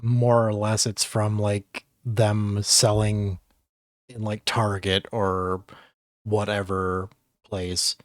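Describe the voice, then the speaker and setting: A man's voice: fairly low pitch, level tone, slow, no room sound, studio quality. A man from the United States chatting casually as a host, giving blunt opinions and swearing freely. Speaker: host of a tier-list discussion. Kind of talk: casual chat, ranking fast food.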